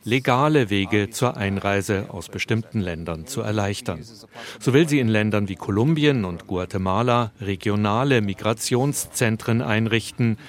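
A man narrating a news report in German in a measured, scripted way. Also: lowish voice.

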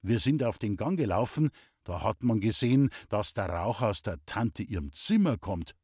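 A man's voice: lowish voice, lively intonation, normal speed, darkish tone, husky, no room sound, clean studio sound. A man narrating a story in the first person with a playful, boyish manner and a light tinge. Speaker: audiobook reader.

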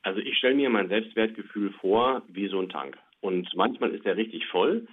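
With lively intonation and a normal speaking speed, a man with a lowish voice explains things plainly, using small spoken examples. He's a child psychiatrist being interviewed by phone as an expert, and the audio is tinny and narrow.

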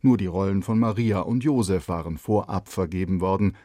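A man narrating a children's story in an expressive, animated way. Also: low-pitched, fairly quick, no echo, studio quality.

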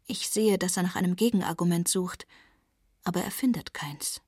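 Breathy woman reading a novel. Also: lowish voice, moderate pace, darkish tone, no room sound, studio quality. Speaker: audiobook narrator. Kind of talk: first-person novel reading.

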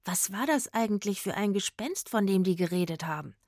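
A woman's voice: mid-range voice, expressive, a little fast, darkish tone, no room sound, clean studio sound. A woman voicing a playful, teasing young female drummer who talks in a coy way in an audio storybook.

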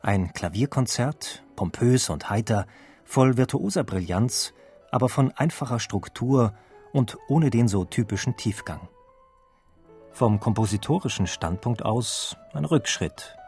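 A man reading a scripted documentary narration in a measured, even storytelling manner. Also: mid-range voice. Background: faint classical music.

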